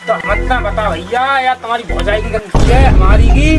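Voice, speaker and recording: A man playing a younger brother-in-law who pleads with a quarreling couple to calm down, speaking. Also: very high voice, moderate pace. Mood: agreeable. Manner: pleading, conciliatory. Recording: loud music under the voice.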